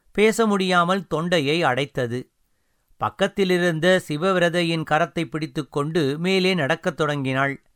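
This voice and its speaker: Smooth-voiced male audiobook narrator. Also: high voice, a bit bright, no echo, studio quality. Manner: measured, storytelling. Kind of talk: scripted narration.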